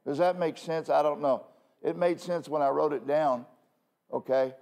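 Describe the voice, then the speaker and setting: A male pastor preaching a sermon from the pulpit in a conversational way, full of self-deprecating asides and quick "okay?" checks with the congregation. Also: a little high, steady tone, gravelly, a little mellow. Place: church pulpit.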